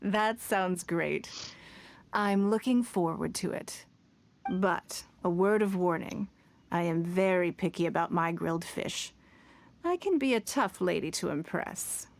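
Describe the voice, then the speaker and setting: A woman voicing a self-made young businesswoman in a video game, calm and earnest, who is fond of fish and picky about food. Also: fairly low pitch, unhurried, creaky. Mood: friendly. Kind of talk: game character dialogue.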